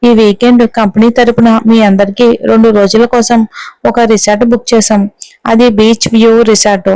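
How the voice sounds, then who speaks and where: A cheerful male boss addressing his office in an audio story, read by a woman in her own smooth, slightly high voice, proud and upbeat. The delivery is clear and dry, close to the mic. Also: little pitch movement, fairly quick, warm tone, no room sound, natural voice, low-quality recording. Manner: announcing to staff.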